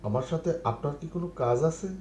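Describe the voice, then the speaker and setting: A middle-aged man with a Bangladeshi accent, teaching spoken English by reading phrases slowly and translating each one. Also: a little high, a little mellow. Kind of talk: numbered spoken English lesson. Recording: echoey room with faint noise.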